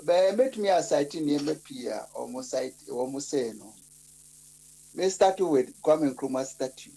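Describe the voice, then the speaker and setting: A man with a Ghanaian accent talking slowly and haltingly in a political discussion. His pitch sits a bit high, and he often pauses between Twi and English. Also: lively intonation, creaky, mellow, slightly rough, low-quality recording. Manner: halting, many fillers, mixes Twi and English.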